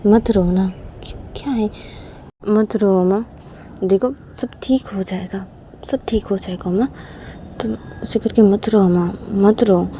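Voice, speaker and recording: A woman voicing a middle-aged mother-in-law in a storybook romance, comforting in a soft, half-whispered way. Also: on the low side, slight background noise, close to an everyday voice.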